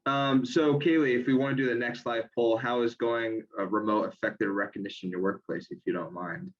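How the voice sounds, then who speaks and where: A man's voice: mid-range voice, steady tone, a little fast. A man hosts a webinar discussion over a video call and asks the group questions. He is a bit hesitant and repeats words as he goes. The audio is slightly muffled. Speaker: discussion moderator. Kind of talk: moderating a webinar.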